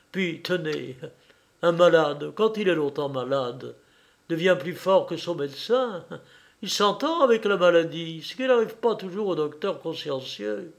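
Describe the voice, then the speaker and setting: A man's voice: high voice, gravelly, heavily acted. A man reading the part of a shrewd, devoted young hunchback who speaks fervently and slyly.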